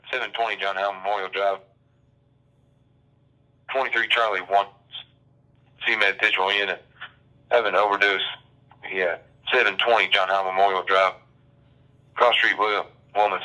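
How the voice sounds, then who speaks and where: Male dispatcher on a police-style radio: low, flat, bright-edged, clipped calls, heard from a distance. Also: moderate pace, long pauses. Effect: dispatch radio transmission. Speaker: emergency dispatcher.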